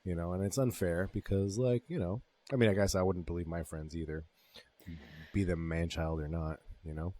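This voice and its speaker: A man's voice: sits low, steady tone, normal speed, mellow, dry recording. A man co-hosting a podcast, retelling a horror film's plot in casual, profanity-laced chat. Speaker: podcast co-host. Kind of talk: casual movie-recap chat.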